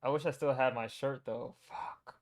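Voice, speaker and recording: A man's voice: mid-range voice, fairly even intonation, normal speed. A young man casually reacting to his own old videos, teasing and talking to himself. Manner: wry, teasing, talks to himself.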